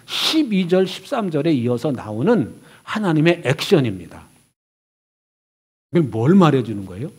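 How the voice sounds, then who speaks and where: A man, a pastor, preaching a sermon with expressive delivery, voicing God and Elijah in turn and swinging from hushed to loud. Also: a little high, normal speed, long pauses, husky.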